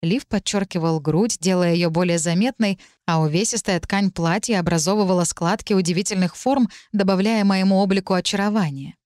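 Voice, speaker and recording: A woman narrating a novel in the first person, reading calmly and at a measured pace. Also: lowish voice, dry recording, clean studio sound. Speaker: audiobook narrator.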